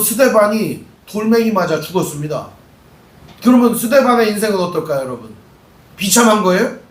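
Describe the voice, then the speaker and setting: A man with a high voice preaches a sermon, quizzing the congregation and acting out the people in his story. He sounds a little far from the mic. The church hall around him rings with echo. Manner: animated preaching, acts out quoted voices, asks the congregation questions. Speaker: pastor. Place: church sanctuary.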